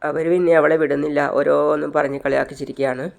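A man's voice: on the high side, flat delivery, fast, creaky. A man casually retelling a film's plot to his subscribers. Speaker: storyteller vlogger. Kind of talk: retelling a film story.

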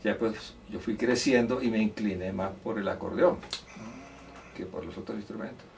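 An older musician from Córdoba, Colombia, speaks at normal speed in a lowish voice with vocal fry, telling chatty, anecdotal stories with hesitant restarts in a relaxed interview. He's indoors beside a grand piano; the distant mic picks up faint room noise, and a crowd is audible in the background.

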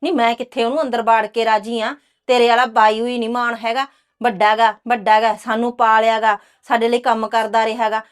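A woman playing a sharp-tongued scolding housewife. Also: fairly high pitch, flat delivery, a little fast, clear, resonant tone, natural voice. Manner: scolding, cursing. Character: sharp-tongued village housewife, angry and proud. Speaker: actress. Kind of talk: village drama dialogue.

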